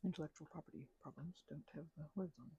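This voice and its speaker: This young ASMR channel creator speaks quickly in a low, gravelly, mellow voice with a breathy edge, and the recording sounds muffled. Close to the microphone, she chats casually, mumbling and hesitating as she wanders from thought to thought.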